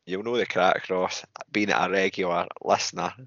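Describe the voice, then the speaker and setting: A man's voice: low-pitched, level tone, normal speed, gravelly, a bit bright, dry recording, highs cut off. A man with a Scottish accent hosting a podcast in casual, rambling, jokey chat. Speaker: podcast host.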